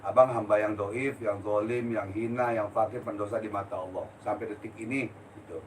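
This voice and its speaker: Older male preacher, forceful and blunt, slightly out of breath; distant mic, light noise. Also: on the low side, steady tone, a little fast. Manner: blunt, forceful, street-style. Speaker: spiritual healer. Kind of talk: live-stream religious talk.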